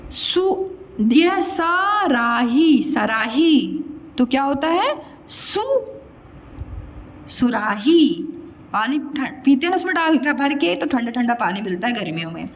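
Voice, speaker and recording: A woman teaches young pupils with a high, lively voice that climbs and dips through every word. She speaks slowly and patiently, breaking words into syllables and asking the children to say them back. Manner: drawn-out syllable-by-syllable pronunciation, questioning pupils; calls the listener "beta" (child). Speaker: primary school Hindi teacher. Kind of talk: slow spoken lesson for young children.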